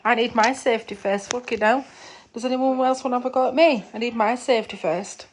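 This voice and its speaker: A woman's voice: fairly high pitch, fairly quick. A woman hosting a casual live stream from her room at home, chatting and gossiping into her phone, laughing at herself.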